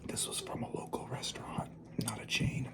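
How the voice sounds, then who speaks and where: Whispering casual ASMR eating host. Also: normal speed. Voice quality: whispered, breathy unvoiced voice.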